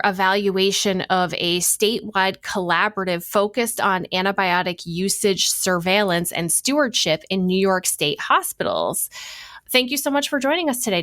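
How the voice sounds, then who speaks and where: A woman's voice: medium pitch, a bit bright, dry recording, studio quality. A woman hosting an interview podcast, reading a guest introduction and asking friendly questions. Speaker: podcast host.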